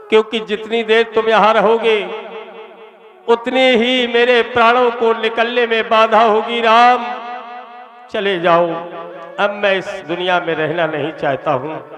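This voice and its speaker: A man doing a grieving old king, high and pleading. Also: level tone, a little slow, a bit bright, big-room sound. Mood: anguished. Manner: pleading, anguished.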